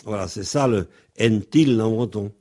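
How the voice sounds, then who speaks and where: A man's voice: on the low side, moderate pace, a little mellow, breathy edge. A man teaching pronunciation, speaking hesitantly with frequent ums and spelling words out letter by letter. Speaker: Breton language teacher.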